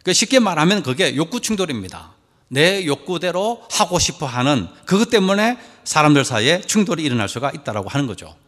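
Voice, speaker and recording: Lively man preaching in an echoing hall. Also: a little high, a little fast. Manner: lively, joking preacher posing questions to the congregation. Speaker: pastor. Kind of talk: sermon.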